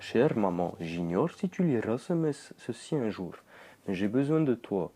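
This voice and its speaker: A man voicing a frightened, tortured prisoner in a put-on Russian accent, reading a letter slowly and pleadingly. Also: lowish voice, big pitch swings, mellow, breathy edge, full character voice.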